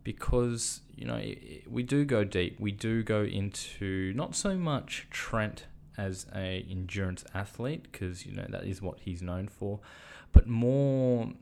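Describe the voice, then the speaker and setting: An Australian man hosting a casual podcast in a rambling, halting, informal way. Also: fairly low pitch, vocal fry, mellow, a little hiss or hum. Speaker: podcast host. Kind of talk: casual podcast introduction and interview.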